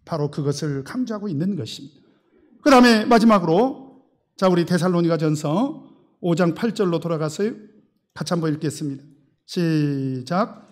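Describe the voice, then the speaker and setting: High-voiced emphatic male pastor preaching. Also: lively intonation, moderate pace. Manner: emphatic, with large swings between loud and soft; asks the congregation rhetorical questions. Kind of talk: sermon.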